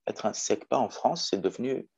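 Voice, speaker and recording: A man's voice: on the low side, normal speed, creaky, a little mellow, slightly rough, lo-fi sound. A man in his twenties from Morocco, a teacher talking as a guest in a casual interview, thoughtful with many hesitations. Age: 20s. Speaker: guest, special education teacher.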